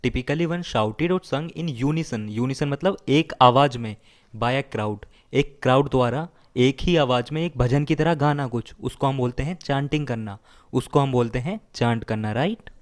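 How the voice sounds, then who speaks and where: A male teacher walking learners through word roots, mixing two languages. He restates every meaning several times and checks in with a quick "right?". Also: mid-range voice. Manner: explains slowly, repeats meanings, asks "right?". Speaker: vocabulary teacher. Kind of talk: bilingual vocabulary lesson.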